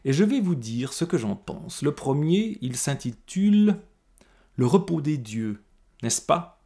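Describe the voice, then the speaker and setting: A man's voice: a little high, big pitch swings, dark tone, voice pushed up. Man reading a blunt inmate librarian, scornful, spells out every syllable, plain own voice. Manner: cutting, deliberate, stresses each syllable.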